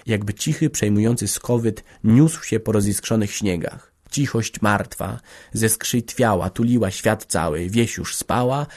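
Male narrator, lowish voice, dramatic literary audiobook reading. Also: a little slow, darkish tone.

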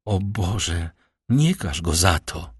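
A man's voice: low-pitched, expressive, slow, breathy edge, no echo, clean studio sound, exaggerated voice. A man reading aloud and voicing a frightened, pious young noblewoman in a pleading, tremulous way.

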